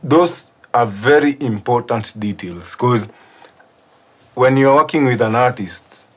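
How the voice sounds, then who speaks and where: A man's voice: medium pitch, lively intonation, slow, fairly bright tone. A man with a Kenyan accent giving a casual studio walkthrough as a music producer, switching between languages. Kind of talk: casual studio walkthrough mixing English and Swahili.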